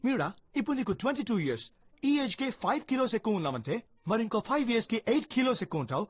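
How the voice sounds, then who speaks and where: A man's voice: extremely high pitch, sing-song, very fast, husky, no echo, full character voice. An actor playing a rude, arrogant young man who mocks his date and mixes English into his talk. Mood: mocking. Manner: mocking, rude, teasing, mixing English into the talk. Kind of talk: film dialogue.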